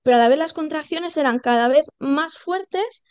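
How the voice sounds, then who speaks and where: A woman, telling her birth story as a podcast guest, animated and acting out quoted dialogue with many fillers. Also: high voice, normal speed, no room sound. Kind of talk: personal birth story told in conversation.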